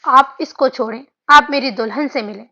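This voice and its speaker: A woman's voice: high-pitched, normal speed, sharp tone. A woman voicing a friendly, cheerful young man in an audiobook. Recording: dull lo-fi audio.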